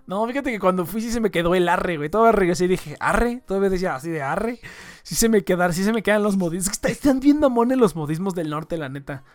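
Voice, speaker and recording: A man's voice: sits high, expressive, quick pace. A man hosting a podcast in casual, profane, joking banter. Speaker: podcast host. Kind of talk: casual chat.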